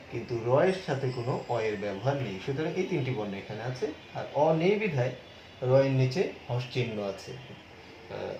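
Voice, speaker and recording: A middle-aged man lectures patiently, going over each point and repeating the example words for his students. His voice is mellow and dark in tone. The recording is dull and muffled, with a roomy echo and a faint hum underneath. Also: medium pitch. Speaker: teacher. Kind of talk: classroom grammar lecture.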